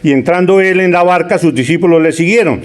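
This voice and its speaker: Preacher, male, slightly high voice, chatty sermon style with frequent repeats. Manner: conversational preaching with frequent "¿sí?" checks and word repetitions; reads scripture aloud, stretching key phrases slowly.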